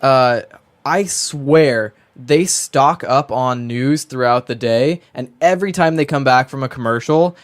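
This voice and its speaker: A man's voice: mid-range voice, unhurried. A young man co-hosting a casual podcast, griping wryly and dropping short agreeing interjections. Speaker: podcast co-host.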